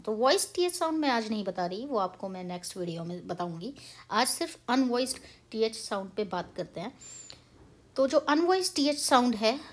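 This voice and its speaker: A young woman from India with an Indian English accent and a fairly high voice gives a casual spoken lesson as a pronunciation teacher. Chatty and patient, she explains pronunciation while mixing Hindi and English.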